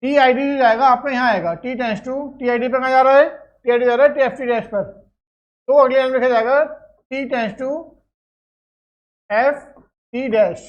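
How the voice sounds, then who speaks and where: High-voiced woman teaching a lecture. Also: fairly even intonation, moderate pace, long pauses, muffled recording. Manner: explains step by step, checks with "clear?". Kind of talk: classroom lecture.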